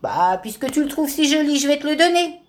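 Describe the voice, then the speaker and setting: A woman's voice: high voice, sing-song, a little fast, voice pushed up. A woman voicing a stubborn, sneezing female tortoise in a children's storybook, speaking in cross, indignant bursts. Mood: gentle. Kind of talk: storybook character voice.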